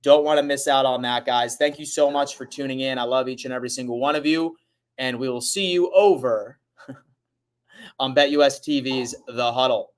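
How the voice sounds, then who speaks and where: A man hosting a casual sports livestream, talking to his viewers in a hurried, urgent way. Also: medium pitch, smooth.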